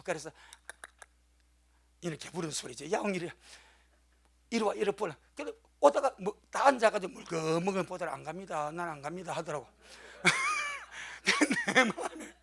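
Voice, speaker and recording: A man's voice: high voice, gravelly, fairly bright tone. A middle-aged male pastor preaching a sermon, telling folksy stories and rising into emphatic blessings.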